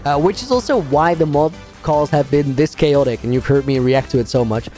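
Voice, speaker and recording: A man's voice: a little high, fairly quick, dark tone, soft background music. A man streaming a game, chatting casually with viewers, rambling and laughing often while reading out names. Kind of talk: casual livestream chat while playing a game.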